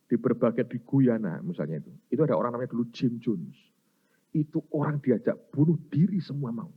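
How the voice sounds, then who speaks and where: A middle-aged male pastor preaching, his voice a little husky. He tells stories in an easy, conversational way, then breaks into loud, high exclamations. The recording sounds dull and lo-fi. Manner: animated preaching, sudden loud high bursts, acted-out quotes. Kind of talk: sermon.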